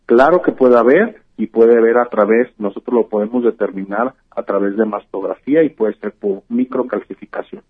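Doctor on a tinny phone line. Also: male voice, fairly low pitch, normal speed, hardly any pauses, slightly rough. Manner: patient, explanatory, frequent "eh" fillers and "¿verdad?" tags. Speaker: physician. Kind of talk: radio interview, explaining.

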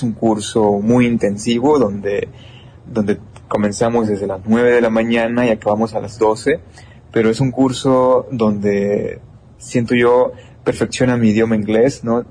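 Here a young adult engineering student from Mexico, speaking with a Mexican Spanish accent, earnestly works through interview questions amid frequent restarts and fillers. He has a fairly low, slightly mellow voice, and faint hiss or hum sits under the audio.

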